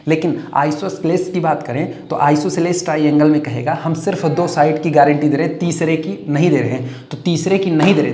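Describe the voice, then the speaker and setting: A man gives a classroom math lecture in a somewhat high voice, dictating formulas slowly word by word for students to copy. He breaks up the dictation with homely, everyday comparisons. The sound is echoey, as if recorded in a bare room. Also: warm tone. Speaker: math teacher.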